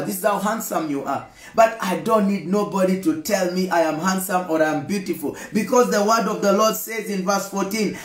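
The voice sits high and sounds roomy as this man, a Kenyan pastor in his thirties, delivers a livestreamed daily devotional sermon. Filmed close up on a phone indoors, in a room with a screen and flowers, he gestures a lot and repeats emphatic phrases.

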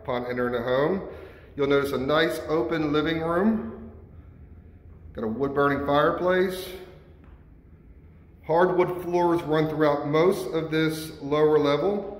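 This real estate agent's voice is on the high side, unhurried and full of pauses as he walks an empty house. His casual narration is relaxed and informal with small self-corrections, captured on a handheld phone camera amid echoing bare rooms and faint background noise.

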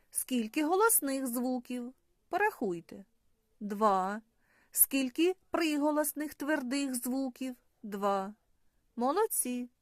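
Slow sing-song woman teaching small children. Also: on the high side, darkish tone, no echo, studio quality. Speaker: primary school teacher. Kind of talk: phonics lesson for young children.

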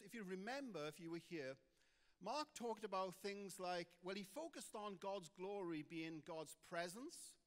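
A man's voice: high voice, fairly bright tone, long reverb tail. A man with a Welsh accent preaching a Sunday sermon as pastor, chatty and informal, with many fillers and restarts. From Wales. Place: church auditorium.

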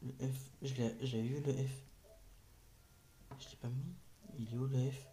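A man's voice: mid-range voice, fairly even intonation, unhurried, warm tone, slight background noise. A man hosting a casual gaming tutorial vlog, hesitant and rambling, with many fillers and restarts, recorded on a phone. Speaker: gaming video host.

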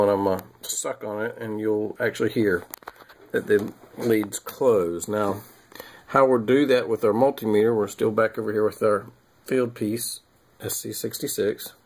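A middle-aged man demonstrating how to test a part, unhurried, with frequent ums and restarts. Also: fairly low pitch, gravelly. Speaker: HVAC technician. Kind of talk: hands-on repair demonstration. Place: small home room.

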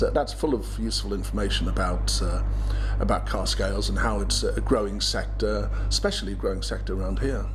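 A man's voice: on the low side, background noise. A man in his fifties, a pub landlord, being interviewed in his pub, talking plainly with frequent hesitations and repeated words. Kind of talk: documentary interview. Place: inside a pub, by the bar.

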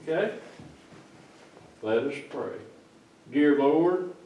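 Sitting with the kids in a small church, an older pastor speaks extremely slowly and expressively in a voice on the high side, giving a folksy, teasing children's sermon. The sound is lo-fi with slight background noise. A camera mic far away records the roomy church acoustics from a distance.

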